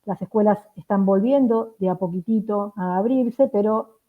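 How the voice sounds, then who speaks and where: A woman with a tired voice, giving an earnest, measured reflective talk to teachers. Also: medium pitch. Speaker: education speaker. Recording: phone-like narrow sound.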